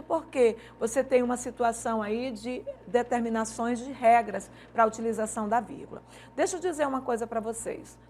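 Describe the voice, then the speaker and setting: A woman's voice: on the high side, slight background noise. A woman teacher giving a Portuguese grammar lesson for an exam-prep course, explaining step by step and often checking in with "right?". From Maranhão, Brazil. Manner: explanatory, uses rhetorical questions and checks like "certo?".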